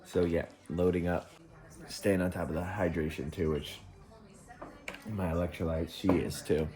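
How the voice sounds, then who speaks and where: Deep-voiced man vlogging over a meal. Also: steady tone, moderate pace. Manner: upbeat, joking, chatty. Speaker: vlogger and ultrarunner. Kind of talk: casual vlog talk to camera. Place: mother's home, indoors, at a meal.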